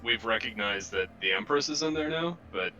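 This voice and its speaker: Bright-voiced man playing a tabletop game. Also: on the low side, animated, brisk, muffled recording, faint music behind. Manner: loose and rambling, with lots of "uh" fillers. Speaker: player. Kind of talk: casual tabletop game chat.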